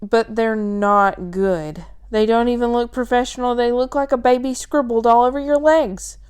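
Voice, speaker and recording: A woman's voice: sits high, very animated, a little slow, dark tone, clear, resonant tone, voice pushed up, heavily acted. A woman reading a storybook aloud and voicing an earnest, worried young boy who talks urgently.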